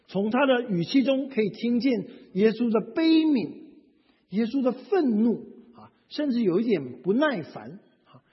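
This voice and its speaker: A male pastor with a high, very animated voice, preaching a sermon with rhetorical questions. His voice is deeply husky and breathy. It rings out with a long hall reverb on a dull, lo-fi recording. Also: normal speed. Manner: expressive preaching, rhetorical questions, reads scripture aloud.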